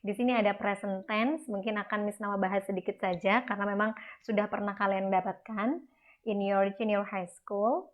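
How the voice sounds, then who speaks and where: A woman's voice: medium pitch, fairly even intonation, normal speed. A young woman teaching an English class, explaining slides in a chatty way with frequent tag fillers. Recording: dull lo-fi recording.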